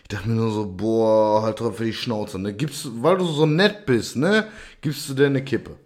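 A man's voice: on the low side, moderate pace. A young man co-hosting a podcast, telling stories in a slangy, laughing casual chat. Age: young adult. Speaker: podcast co-host.

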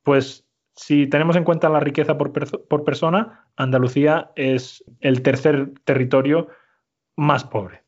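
A man's voice: on the high side, steady tone, a little slow, lo-fi sound. A man teaching a Spanish lesson, explaining step by step and often checking in with his listeners. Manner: explanatory, frequent "¿vale?" checks. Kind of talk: language lesson.

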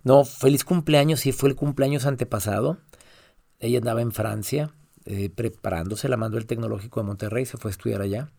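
A man's voice: mid-range voice, brisk, vocal fry, dark tone. A middle-aged man, a father talking tenderly on a podcast and acting out phone calls. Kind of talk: emotional podcast chat.

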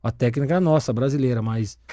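A man's voice: mid-range voice, fast, dry recording, studio quality. A middle-aged Brazilian man, a former footballer turned broadcaster, chatting casually in an interview and telling stories with lots of swearing. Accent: Brazilian Portuguese. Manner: animated storyteller, swears freely.

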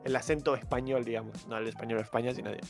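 A man's voice: medium pitch, fairly even intonation, rapid-fire, vocal fry, soft background music. A young man with an Argentine accent who talks casually and rambles, hedging with fillers. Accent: Argentine Spanish. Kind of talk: casual chat.

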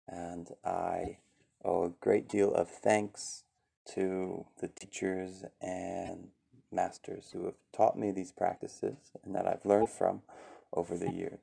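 A man leading a meditation session in a calm, gentle teaching voice with some fillers. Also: sits low, slow pace, creaky, breathy edge. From USA. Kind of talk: calm guided meditation talk.

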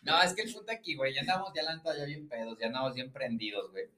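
A man's voice: mid-range voice, very fast, heavy background noise. Rambling Mexican man in an echoey room. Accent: Mexican Spanish. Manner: rambling, repeats slang fillers constantly. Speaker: podcast co-host. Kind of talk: casual storytelling chat.

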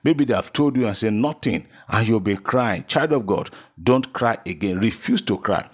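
A man's voice: fairly low pitch, expressive, moderate pace. A man with a Nigerian accent preaching a sermon as a pastor, speaking in fervent, repeated declarations and promises to his listeners.

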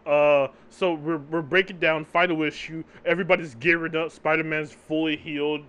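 Casual higher-voiced man, "right?" tags. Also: level tone, normal speed, a bit bright, smooth, highs cut off. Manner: laughs often between points. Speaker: podcast co-host. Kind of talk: casual comic book discussion.

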